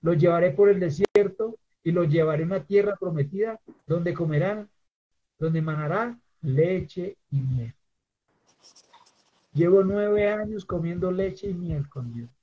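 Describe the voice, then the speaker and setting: A man's voice: high-pitched, a little slow, highs cut off. A Colombian man giving an earnest personal faith testimony, preaching and acting out the voices he quotes. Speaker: testimony giver.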